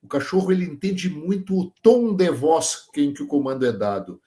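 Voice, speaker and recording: A man's voice: fairly high pitch, big pitch swings, normal speed, mellow. A man, a guest on a podcast, explaining working dogs with farm examples and checking that the listener follows. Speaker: guest, sheep dog trainer. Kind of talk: casual podcast interview.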